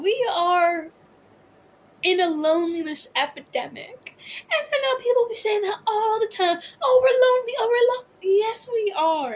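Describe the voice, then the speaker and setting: A drag queen host chatting casually to viewers about opinions and comments, rambling conversationally with theatrical, drawn-out emphasis. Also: very high voice, fairly bright tone, slight background noise.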